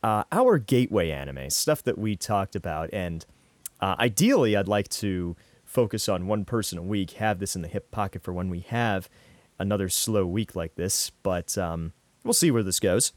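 Bright-free, low-pitched man hosting a podcast. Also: animated, normal speed, no room sound. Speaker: podcast host.

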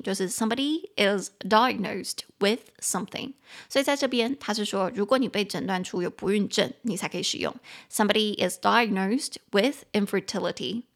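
Host: woman, Taiwanese Mandarin accent, casual podcast English lesson, chatty, spells words out slowly, corrects herself. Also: medium pitch, a bit bright.

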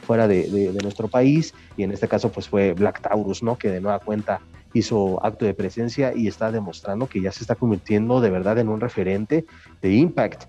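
A Mexican man giving casual wrestling commentary as a panelist, often pausing to search for his words. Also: fairly low pitch, warm tone, lo-fi sound, faint music behind. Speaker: podcast panelist.

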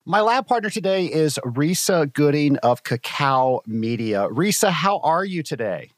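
A man's voice: fairly high pitch, very animated, a little slow. A man hosting a podcast, introducing his guest and asking questions in an upbeat, enthusiastic way. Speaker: podcast host. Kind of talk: podcast interview.

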